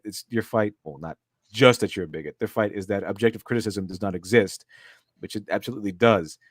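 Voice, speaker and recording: A man's voice: fairly low pitch, dry recording. A man co-hosting a livestream, reading chat and mocking critics in a sarcastic, laughing way, with a dry close sound. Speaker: streamer and co-host.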